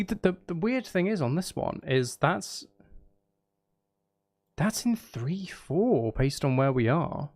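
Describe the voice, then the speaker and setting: On a casual live stream, a man chats while editing music, thinking aloud as he works through the task, repeating phrases and questioning himself. His voice is high-pitched, and there's no room sound.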